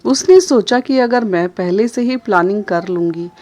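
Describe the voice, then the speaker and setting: A woman narrating a family story in a calm, steady way. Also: medium pitch, moderate pace.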